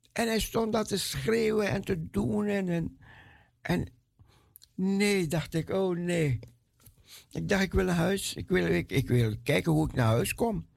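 A man giving a personal testimony as an animated story. He repeats words for emphasis and acts out the voices of the people he met. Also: high voice, creaky, no echo, studio quality.

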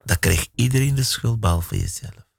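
Slow gravelly raspy man. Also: mid-range voice, expressive, dry recording, clean studio sound.

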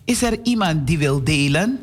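A man voicing a caring, puzzled woman schoolteacher in a children's story, asking gentle questions. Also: a little high, animated, normal speed.

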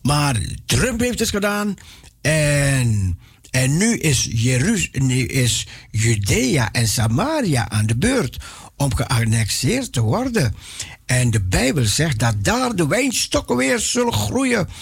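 Fervent preaching man with a gravelly voice. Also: fairly high pitch, very animated, slow, no room sound, studio quality. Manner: impassioned, repetitive, many restarts and stumbles. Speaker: radio evangelist. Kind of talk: preaching on radio.

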